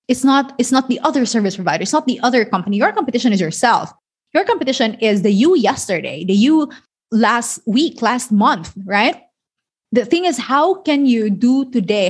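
A woman's voice: a little high, husky. A woman hosting a solo podcast, talking earnestly and encouragingly, often checking in with "right?". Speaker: podcast host and online business coach. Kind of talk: motivational solo podcast talk.

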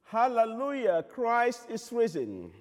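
A man leading a church service, reciting set prayers in a slow, measured way, with a long cathedral-like echo around his voice. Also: very high-pitched, wildly swooping pitch. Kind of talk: liturgical recitation.

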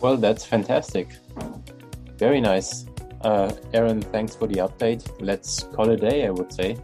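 A man's voice: lowish voice, steady tone, measured pace, warm tone, faint music behind. A man hosting a financial podcast, speaking as the presenter. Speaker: podcast host.

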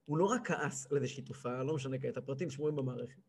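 A man in his thirties, a rabbi giving a lively weekly lesson, who acts out a cantor's chanting and scolds him. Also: mid-range voice, breathy edge. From Israel. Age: 30s. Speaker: rabbi teaching a weekly class.

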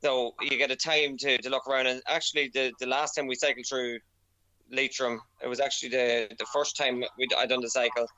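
A man with an Irish accent chatting casually as an interview guest, often halting and repeating his words. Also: mid-range voice, level tone, bright, forceful tone, muffled recording. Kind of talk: casual chat.

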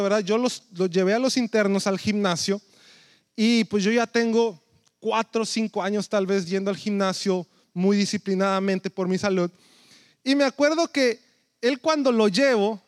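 A man's voice: sits high, moderate pace, dry recording, clean studio sound. A man, a pastor preaching a sermon in a conversational storytelling way that keeps checking in with his listeners.

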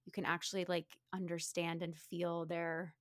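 A woman's voice: lowish voice, little pitch movement, moderate pace, no echo, studio quality. A woman chatting casually as a participant on a podcast. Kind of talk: casual chat.

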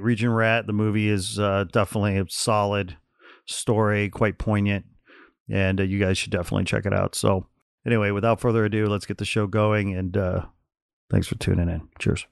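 A man's voice: fairly low pitch, gravelly, no room sound, studio quality. A man hosting a podcast in casual chat, laid-back, with frequent fillers and restarts. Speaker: podcast host.

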